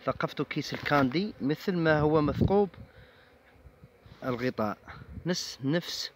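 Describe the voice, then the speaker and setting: A man's voice: fairly high pitch, expressive, moderate pace. Beekeeper man explaining, buzzing bees behind. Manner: plain, instructive, talks while working. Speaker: beekeeper and farmer. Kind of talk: hands-on demonstration narration. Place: outdoors on a farm, at open beehives. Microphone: phone camera held in hand. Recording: outdoor phone recording with clear background noise and insect buzz.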